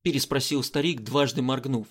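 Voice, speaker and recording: A man's voice: mid-range voice, normal speed. A man narrating an audiobook, reading steadily and voicing the dialogue. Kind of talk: scripted narration.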